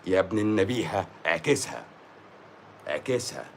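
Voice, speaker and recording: A man's voice: deep voice, big pitch swings, normal speed, vocal fry, a little hiss or hum. A man with an Egyptian accent, a doctor giving a blunt, scolding monologue on a live stream and mixing English words into his speech.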